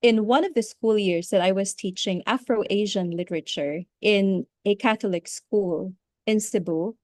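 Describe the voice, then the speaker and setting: A woman's voice: medium pitch, a little mellow, dry recording. Middle-aged woman, Philippine English accent, teacher giving a hesitant talk, dry close sound. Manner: halting, with many restarts and fillers. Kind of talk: webinar talk.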